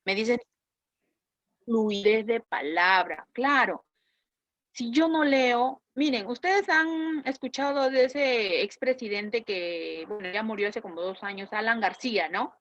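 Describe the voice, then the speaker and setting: In an online class, a woman teacher with a Peruvian Spanish accent works through a lesson at a measured pace, questioning her students and checking with "¿correcto?". Her voice is on the high side with a fairly bright tone. There's no room sound, and the highs are cut off.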